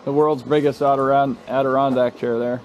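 A man's voice: mid-range voice, little pitch movement, fairly quick, muffled recording. A man chatting casually as he vlogs while sightseeing. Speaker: vlogger. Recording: noisy handheld outdoor vlog.

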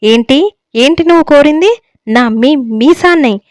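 A woman's voice: high voice, animated, a little slow, darkish tone, no room sound, studio quality, pitched above the performer's own voice. A woman doing a swaggering young groom. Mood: dismayed. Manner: swaggering, mixes English words, pushy. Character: boastful young man, newlywed groom, showy. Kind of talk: storybook reading.

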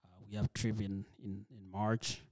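A gravelly, flat, low voice belongs to this soft-spoken ministry leader, a guest in a church interview whose first language is Dinka. His delivery halts, packed with fillers and restarts, on a dry recording.

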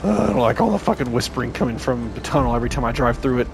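A young man commentating as he plays a horror game, swearing often, talking to the game's characters and getting excitable when things go wrong. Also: medium pitch, very fast, creaky, over music. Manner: profane, excitable, talks to the game. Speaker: gaming channel host.

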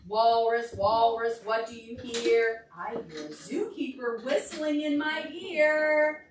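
A woman's voice: a little high, animated, slow. A woman, a children's librarian, reading aloud to toddlers with sing-song repetition and simple prompting questions. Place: large carpeted library meeting room. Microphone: far camera across the room. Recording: roomy, distant mic, noisy room.

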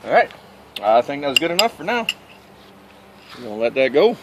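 A middle-aged Southern man hosts a cooking channel, narrating a casual vlog at a mid pitch and normal speed. Folksy, relaxed and amused with himself, he moves from the backyard to indoors at home. The camera-mic audio clearly picks up insects and crickets.

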